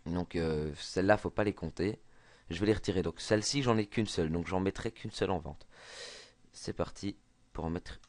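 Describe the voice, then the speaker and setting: A man's voice: deep voice, moderate pace, dry recording. A man with a Belgian French accent explaining a game trick over a screen recording, hesitant with many fillers and restarts. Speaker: gaming tutorial maker.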